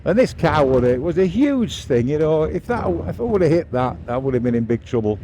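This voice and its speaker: Riding a scooter along a beach road outdoors, a motovlogger with an English accent gives chatty, matter-of-fact tour-guide commentary for a casual vlog. His voice is fairly high-pitched and warm, very animated and fairly quick. A little hiss or hum is audible.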